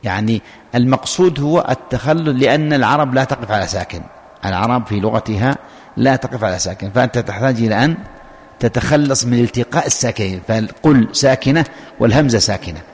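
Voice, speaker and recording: A man's voice: mid-range voice, fast talker, slight background noise. A man teaching a religious lesson, explaining a text step by step, repeating key points and asking and answering his own questions. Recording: long hall reverb.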